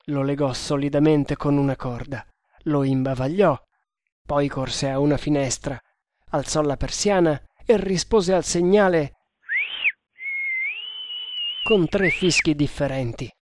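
A reader narrating an adventure novel in a measured, even storytelling manner. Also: medium pitch. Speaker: audiobook narrator.

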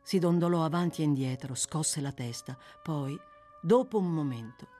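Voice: mid-range voice, normal speed, mellow, faint music behind. An audiobook narrator reading a classic novel with dramatic, varied delivery. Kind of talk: expressive scripted narration.

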